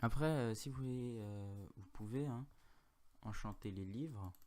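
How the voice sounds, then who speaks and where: Slow, low-voiced French gamer tutorial. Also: male voice, dark tone. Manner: rambling, self-correcting, chatty with asides and filler sounds. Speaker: Minecraft tutorial youtuber. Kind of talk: casual screen-recorded game tutorial. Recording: audible mouse and keyboard clicks.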